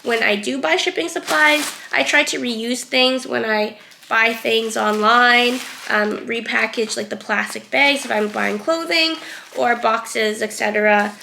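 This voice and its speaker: Her voice a little high and gravelly, a young woman vlogger who is getting over a cold narrates at a measured pace about items she's sold. She's chatty, using frequent "um" and "like," with a noisy background behind her.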